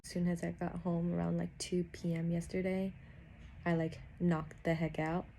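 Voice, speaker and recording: Young woman vlogger, low gravelly voice, soft and near-whispered delivery, noisy home recording. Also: monotone, moderate pace. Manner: soft, low-key, filler-heavy, sometimes near a whisper. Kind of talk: casual vlog narration.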